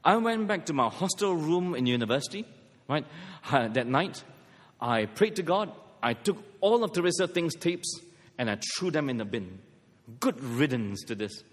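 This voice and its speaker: A middle-aged man from Malaysia delivers a sermon in a fairly high, lively voice at normal speed. As a pastor, he mixes scripture with self-deprecating, humorous stories from his life, and the recording carries a long hall reverb.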